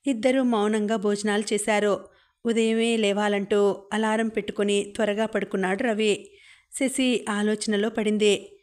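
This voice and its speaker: A woman reads a novel aloud as an audiobook narrator. Her delivery is steady and measured, with a flat, level pitch that sits neither high nor low.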